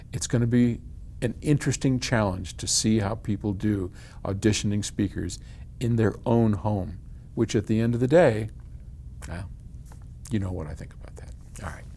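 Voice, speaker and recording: Speaking in a mid-range, warm voice over a little hiss or hum, an older American company head chats to camera in a video series answering customer questions. He explains things frankly and conversationally, with folksy emphasis.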